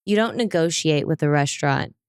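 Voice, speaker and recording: A young woman co-hosting a podcast, telling restaurant stories in a lively, animated way and acting out the people she quotes. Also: deep voice, brisk, clean tone, no echo, studio quality. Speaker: podcast co-host. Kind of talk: casual chat.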